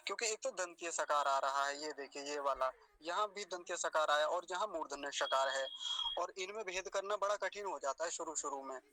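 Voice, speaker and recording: Male teacher, slightly high and sharp, breaks words into slow syllables and quizzes students. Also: low-quality recording. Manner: drills words slowly, syllable by syllable. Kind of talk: pronunciation lesson.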